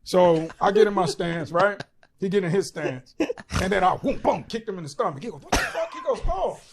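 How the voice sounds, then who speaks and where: A man on a podcast telling a story in an animated, profane way, acting out the people in it. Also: sits high, a little fast. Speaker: podcast guest. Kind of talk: casual storytelling.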